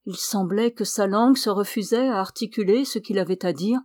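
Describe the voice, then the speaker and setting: A woman reading a novel aloud as an audiobook narrator, measured and even. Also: medium pitch, dry recording. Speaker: audiobook reader.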